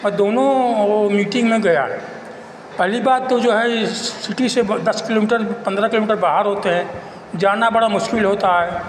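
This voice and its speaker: A man talks in a rambling, halting way, often repeating himself. His delivery is an informal complaint from an ordinary citizen. The recording rings with long room reverb and carries faint noise. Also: sits high. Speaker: local citizen giving his account. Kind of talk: informal spoken monologue of complaint and appeal.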